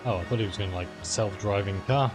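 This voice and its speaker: A man's voice: lowish voice, fast, music in the background. A man from Wales with a Midlands accent, chatting and joking while playing a game. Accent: Midlands English. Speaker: let's-play streamer. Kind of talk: casual game commentary.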